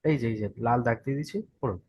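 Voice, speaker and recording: A man's voice: medium pitch, rapid-fire, a little mellow, husky, no room sound. A man with a West Bengal Bengali accent teaching an online Quran reading class, patient and repeating each point to check his students follow.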